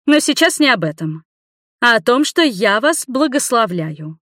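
A woman voicing a loud, domineering grandmother over eighty who scolds her family in a commanding, reproachful way. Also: fairly high pitch, sing-song, a little slow, no echo, clean studio sound, pitched above the performer's own voice, exaggerated voice.

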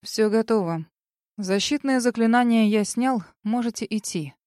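A woman reading an audiobook, voicing a cold, indifferent male mage who speaks in a flat, dismissive way. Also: on the high side, normal speed, no echo, clean studio sound, lightly acted. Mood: cold indifference.

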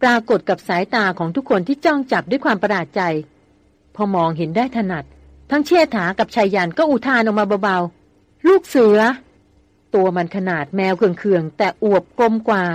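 A woman reading a novel aloud as an audiobook narrator, in a steady storytelling manner. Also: medium pitch, a little fast, no room sound.

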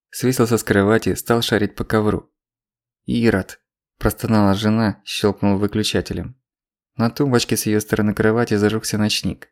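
A man narrating an audiobook in a steady, measured reading. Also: lowish voice. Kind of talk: scripted narration.

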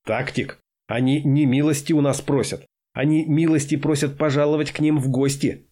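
A man voicing an agitated male rebel crewman who shouts urgent warnings. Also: fairly high pitch, steady tone, normal speed, lightly acted.

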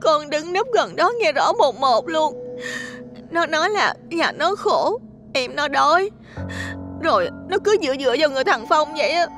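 Man doing a high-pitched young village woman, whiny fake sobbing, spiteful storybook figure, faint music behind. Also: sing-song, moderate pace, heavily acted. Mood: whiny gossiping.

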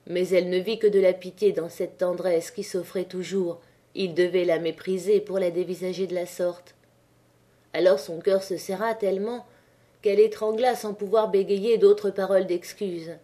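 Warm-voiced woman reading a novel aloud. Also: lowish voice, steady tone, normal speed. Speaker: audiobook narrator.

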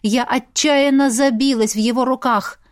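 A woman reading a first-person fantasy audiobook in a steady, expressive storytelling voice. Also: high-pitched, normal speed, no room sound, clean studio sound. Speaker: audiobook reader.

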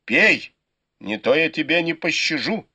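A man's voice: a little high, animated, measured pace, bright, forceful tone, voice pushed up, full character voice. A male reader voicing a stern young swordsman who gives curt, threatening commands.

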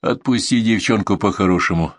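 A man reading an audiobook, voicing a calm, mocking fighter who gives quiet orders. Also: fairly low pitch, a little fast, breathy edge. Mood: cool. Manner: calm, sneering. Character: cool, mocking male fighter, unflappable.

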